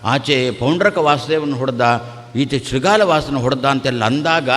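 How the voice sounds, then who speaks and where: A man giving a devotional sermon, asking rhetorical questions and answering them himself in a steady listing cadence. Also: moderate pace, long reverb tail. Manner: acts out quoted exchanges with shifting pitch. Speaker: religious teacher giving a discourse.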